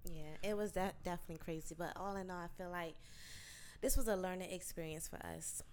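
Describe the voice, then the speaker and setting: A woman, a truck driver, chatting casually and softly with her partner in a hotel room, laughing often. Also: fairly low pitch, steady tone, fast talker, slight background noise. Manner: soft-spoken, laughs often. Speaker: truck-driving vlogger. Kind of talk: casual couple chat.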